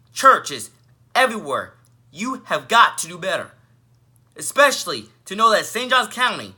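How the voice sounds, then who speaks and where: A young man from Northeast Florida preaches straight to his viewers in a fired-up, news-anchor-style rant. His voice is very bright and piercing, set a little high, and swings widely up and down as he hammers each point. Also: husky. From Northeast Florida, United States. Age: young adult. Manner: emphatic, repeats "ladies and gentlemen", anchor-like delivery. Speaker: vlogger. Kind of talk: passionate preachy rant to camera.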